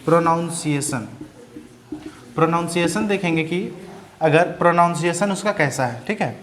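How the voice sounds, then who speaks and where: A young man teaching a grammar lesson, who asks questions and answers them himself and sounds words out slowly. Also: on the high side, a bit bright. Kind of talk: Hindi-medium English grammar lesson.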